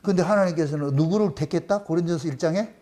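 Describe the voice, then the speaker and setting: A middle-aged man preaches from the pulpit in a fairly high voice. He drives each point home with insistent repetition, shifting between raised emphasis and quiet asides. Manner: emphatic, repeating phrases with rising insistence; briefly sings a slow hymn line. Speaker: pastor. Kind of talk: sermon.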